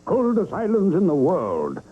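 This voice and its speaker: A man's voice: sits high, huge pitch swings, measured pace, exaggerated voice. An actor playing a boastful old male commander who tells tall tales in a pompous, grandly theatrical way. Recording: dull recording with loud music.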